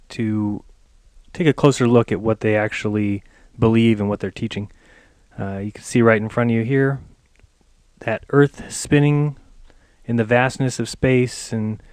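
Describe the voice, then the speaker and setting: A man's voice: medium pitch, smooth, no echo. A man hosting his own channel, talking loosely and chattily to viewers with lots of "uh" fillers. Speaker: channel host. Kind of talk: casual talk to camera.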